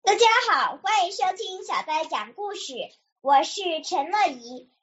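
A woman's voice: very high-pitched, expressive, a little slow, a bit bright, dull audio. A young girl reading a children's story aloud for a radio program, in an earnest, careful way with small slips.

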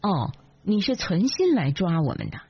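女声压低扮演的辩解的年轻丈夫. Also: female voice, on the low side, sing-song, moderate pace, slightly rough, dry recording, heavily acted. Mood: defensive. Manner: indignant, earnest. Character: defensive earnest young husband. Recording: dull lo-fi, dry.

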